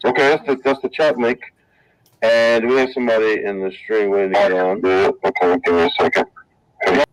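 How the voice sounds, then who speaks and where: A man's voice: on the low side, steady tone. A man casually running a livestream, his words heard again as a delayed echo played back through a caller's speaker. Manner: halting, fiddling with the stream while talking. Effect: delayed echo of his own words played back through a caller's speaker. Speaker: livestream co-host.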